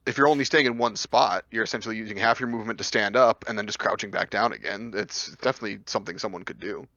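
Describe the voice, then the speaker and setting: A man's voice: lowish voice, fast, pushed and bright, no echo, muffled recording. A man playing a tabletop game, eagerly explaining the rules in casual chat.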